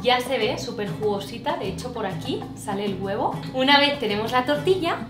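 Excitable spanish woman cooking and chatting to the camera, kinda high voice, echoey kitchen, music playing. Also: brisk, recorded from a distance. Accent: Spain Spanish. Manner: chatty, excitable, addresses viewers directly. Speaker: cooking vlogger. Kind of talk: casual cooking demonstration.

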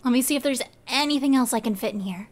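Giggly high-voiced woman streamer. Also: quick pace, faint music behind. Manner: giggly, chatty, talks to chat. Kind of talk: casual live game commentary.

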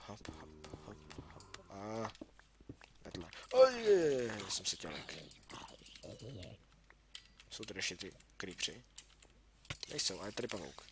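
Speaking in a lowish voice, this young gaming YouTuber keeps up a casual let's-play commentary, muttering to himself and yelping when something catches him off guard. Keyboard and mouse clicks sit clearly under his voice amid background noise.

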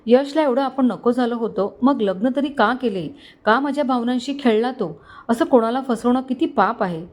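A woman's voice: on the high side, moderate pace, a little mellow, pitched above the performer's own voice, lightly acted. A woman voicing a hurt, tender young wife in a storybook, pleading and emotional. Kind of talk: storybook dialogue.

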